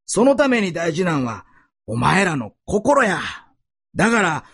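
A blunt, gruff veteran band teacher in thick Osaka dialect , as a male preacher puts him on. His husky voice swings widely in pitch as he drills his students. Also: big pitch swings, a little slow, a bit bright, full character voice.

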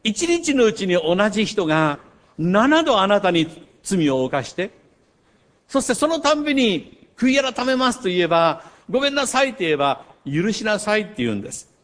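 A man's voice: sits high, big pitch swings, moderate pace. Older man preaching with big swings. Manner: storytelling with wide swings between loud emphasis and hushed asides. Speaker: pastor. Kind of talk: sermon.

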